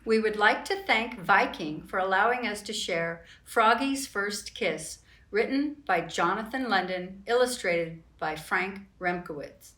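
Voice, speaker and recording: With a medium-pitched voice, a woman leads a librarian-style storytime, reading to young children expressively and unhurriedly and speaking right to them, with sing-song rhymes along the way. The microphone is far from her in an echoing, roomy space.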